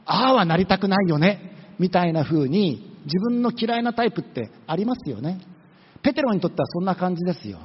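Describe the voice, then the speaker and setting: Male pastor, high lively voice, conversational sermon, dull lo-fi sound. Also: a little fast, slight background noise. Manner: conversational, acts out quoted voices, rhetorical questions. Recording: dull lo-fi recording with long hall reverb.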